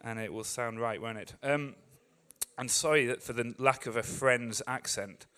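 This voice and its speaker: A man's voice: medium pitch, moderate pace, sharp tone, smooth. An English man preaching a sermon, talking to a crowd in a chatty way with joking asides and acting out voices as he goes. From England. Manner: acts out optimists' voices with rising energy.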